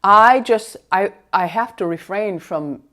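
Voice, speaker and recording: A woman's voice: medium pitch, slow, sharp tone. A middle-aged woman beauty vlogger in a casual get-ready-with-me chat, rambling conversationally and talking straight to viewers.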